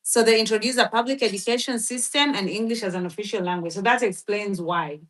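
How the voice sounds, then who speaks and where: Talking fast in a mid-range voice, a woman from the Philippines hosts a casual live stream. She rambles with lots of filler words while thinking aloud. At points she reads from a search.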